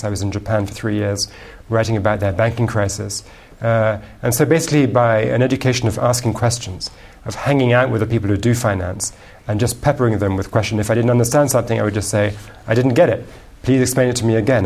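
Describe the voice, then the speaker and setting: This male guest author comes from England and has an English accent tinged with American. Speaking in a lowish, darkish voice, he fluently answers interview questions while often saying um and repeating words.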